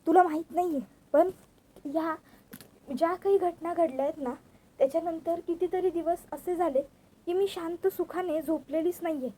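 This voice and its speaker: A woman voicing a distraught young woman who pleads anxiously and can barely calm down. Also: very high voice, moderate pace, a little hiss or hum, pitched above the performer's own voice. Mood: distressed.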